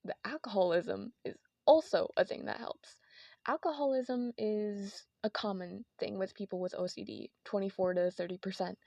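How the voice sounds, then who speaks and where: A woman's voice: mid-range voice, mellow, dry recording. A woman with a lisp and whistling s, narrating an informal, partly scripted video essay into a headphone mic. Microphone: headset microphone from headphones.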